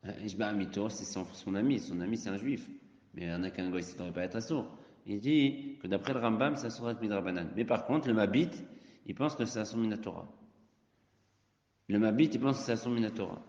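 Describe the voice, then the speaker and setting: A man's voice: on the low side, a little fast, a little mellow. Man, rabbi giving a casual lesson, repeats himself, emphatic bursts, echoey hall, dull lo-fi sound. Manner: informal, repeats key points, rises to emphatic bursts. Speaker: rabbi teaching a class. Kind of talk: informal Talmud lesson.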